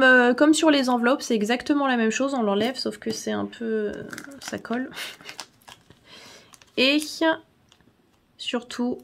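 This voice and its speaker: A woman hosting a casual tutorial vlog, chatty, laughing often and filling pauses with "euh". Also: on the high side, gravelly, noisy background. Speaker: channel host.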